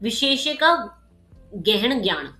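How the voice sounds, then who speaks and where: A woman tutor with a slightly sharp voice, giving a casual exam-prep lecture. She explains with everyday examples and keeps checking in with "ठीक है" and "okay". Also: a little high, sing-song, slow pace, reverberant, soft background music.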